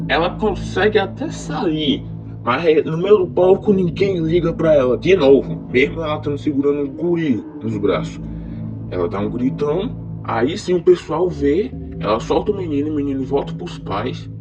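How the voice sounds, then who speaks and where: A man with his voice run through a voice changer, telling a film's plot in a loose, chatty way with lots of fillers. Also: medium pitch. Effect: voice changer disguising his real voice. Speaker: movie recap narrator. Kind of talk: casual film plot summary. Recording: muffled, dull voice-changer audio. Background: background music.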